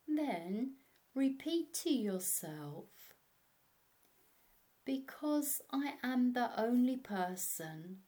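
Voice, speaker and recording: Slow-paced woman guiding a meditation. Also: medium pitch, a little mellow. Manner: slow, measured, instructional delivery. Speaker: meditation guide. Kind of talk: guided meditation narration.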